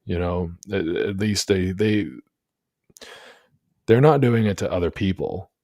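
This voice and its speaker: A man hosting a relaxed livestream conversation, speaking in a very low voice. He rambles and restarts his sentences often, and the dry sound leaves no room echo. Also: unhurried. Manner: rambling, many restarts and fillers. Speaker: host. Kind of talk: casual livestream chat.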